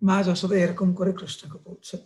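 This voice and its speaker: A man preaching a devotional sermon, retelling a sacred story in an animated, dramatic way. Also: high-pitched, a little fast.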